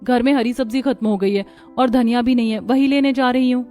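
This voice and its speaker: A woman's voice: a little high, fairly even intonation, a little fast, dark tone, soft background music, lightly acted. A woman voicing a timid, hardworking young daughter-in-law in a cartoon story, speaking meekly and apologetically. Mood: anxious. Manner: meek, apologetic.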